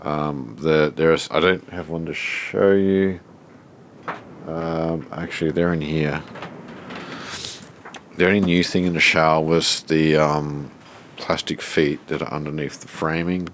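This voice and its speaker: A man's voice: extremely low pitch, fairly even intonation, slow, a bit bright, slight background noise. A man with an Australian accent and a blocked, nasal voice, giving a casual, unscripted walk-through as he thinks aloud. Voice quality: stuffed-up, nasal from a blocked nose. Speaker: vlogger showing a self-built shed.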